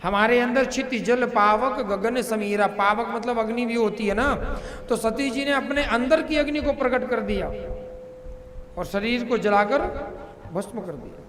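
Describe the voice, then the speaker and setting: A man's voice: very high-pitched, unhurried, fairly bright tone. A man preaching a devotional story, narrating expressively and chanting Sanskrit verses. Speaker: katha preacher. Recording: long hall reverb with music.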